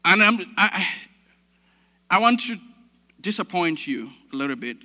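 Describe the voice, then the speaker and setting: A man's voice: high voice, sing-song, a little slow, sharp tone. A man from Cameroon preaching a sermon, driving points home with repetition and calls of amen. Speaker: pastor. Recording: long reverb of a large hall.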